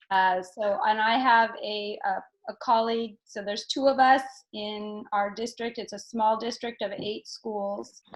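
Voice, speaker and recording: A woman's voice: a little high, a little hiss or hum, poor audio. A woman, a former teacher now a school district design engineer, answering questions on a video call in a friendly way.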